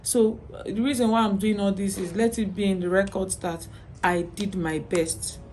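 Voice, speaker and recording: A woman's voice: medium pitch, steady tone, normal speed, darkish tone, a little hiss or hum. A Nigerian woman vlogging as a mother, talking earnestly to her viewers and often checking in with "okay?". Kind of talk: personal vlog to camera.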